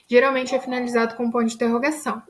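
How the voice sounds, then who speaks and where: A woman's voice: fairly high pitch, level tone, rapid-fire, a little hiss or hum. A woman teaching a grammar lesson, explaining patiently and checking in with her students after each point.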